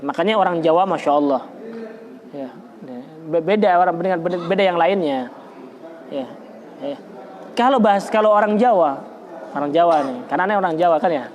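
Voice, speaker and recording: A man teaching a religious study lecture in a casual, conversational way, weaving in Arabic verses and repeating points with stammered restarts. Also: high-pitched.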